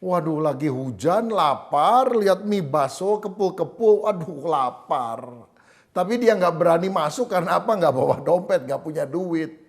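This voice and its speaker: A man delivers a sermon in a fairly high voice. He tells stories with life and keeps turning to his listeners to speak to them directly. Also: unhurried. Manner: lively storytelling, addresses listeners as saudara. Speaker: pastor.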